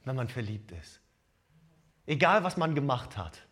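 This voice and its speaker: A male pastor preaching a sermon, swinging from loud emphatic lines to hushed asides. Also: medium pitch, very animated, unhurried, husky.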